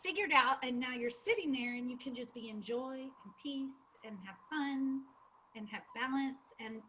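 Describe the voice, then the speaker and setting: A woman's voice: high-pitched, moderate pace, pushed and bright, a little hiss or hum. A woman guest in a casual conversation, speaking earnestly and reflectively. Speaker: podcast guest.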